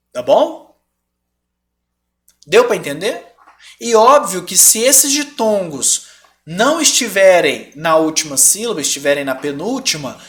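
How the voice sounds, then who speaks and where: A man's voice: sits high, a bit bright. Patient Brazilian man teaching a lesson. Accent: Brazilian Portuguese. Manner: explains patiently, checks in often with "tá bom?". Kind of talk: live online lesson.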